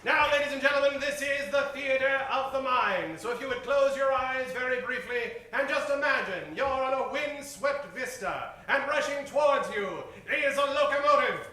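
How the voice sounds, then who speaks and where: Very high-pitched, pushed and bright, this male announcer hosts a live radio comedy show in a grandiose, dramatic old-time style, speaking at normal speed with few pauses. The roomy stage is recorded from a distance, echoey, with music underneath.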